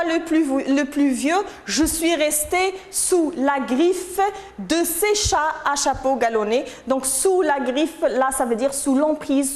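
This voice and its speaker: A woman teaching a French lesson, explaining slowly and patiently and checking in with her students as she goes. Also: a little high, echoey room. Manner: explains patiently, slow and repetitive, asks "d'accord?". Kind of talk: recorded lesson.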